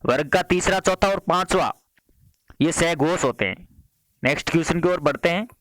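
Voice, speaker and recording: A man's voice: a little high, a bit bright. A man teaching a quiz-style Hindi grammar lesson for exam preparation. He reads each question and its options, then repeats the question and gives the answer. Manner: brisk, repeated "next question" transitions.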